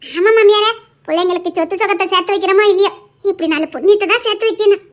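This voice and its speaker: A woman's voice: very high voice, very fast. A woman acting a cheeky, playful daughter-in-law in a comic skit, with a Tirunelveli Tamil accent. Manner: cheeky, teasing. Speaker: comic actor.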